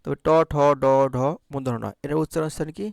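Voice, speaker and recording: A man's voice: on the high side, fairly even intonation, quick pace, gravelly, a little mellow, dry recording, clean studio sound. A man teaching a Bangla grammar lesson, explaining step by step and answering his own questions. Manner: keeps checking understanding with short prompts. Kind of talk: recorded exam-prep lesson.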